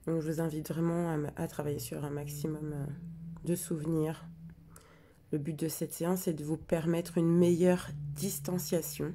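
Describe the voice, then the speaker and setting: Low soft-spoken woman guiding a meditation. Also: little pitch movement, slight background noise. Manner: soft, slow, partly whispered delivery. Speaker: meditation guide. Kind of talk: guided meditation.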